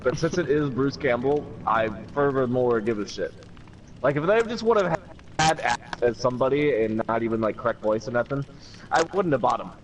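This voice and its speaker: A man's voice: mid-range voice, expressive, fairly quick, far from the mic, rough recording. A man chatting casually while streaming a game, joking around, laughing often and swearing freely. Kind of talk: casual gaming chat. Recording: voice a bit off-mic with faint room noise.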